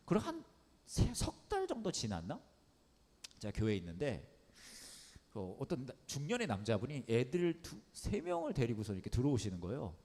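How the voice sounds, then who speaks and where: A man's voice: medium pitch, huge pitch swings, moderate pace, darkish tone, breathy edge. A male pastor delivering a storytelling sermon, his voice rising and falling widely as he acts out the comedy of the tale. He piles up repeated words for effect. The sound carries the long reverb of a hall. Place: underground church hall.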